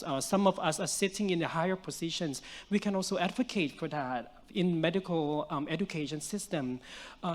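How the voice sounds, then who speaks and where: A young man with a blocked, nasal voice speaks on a conference panel, explaining earnestly and filling pauses with ums and uhs. His voice sits fairly high for a man. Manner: earnest, explanatory, with many fillers. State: stuffy nose, nasal voice. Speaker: panelist, physician. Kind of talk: panel discussion answer. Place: conference stage.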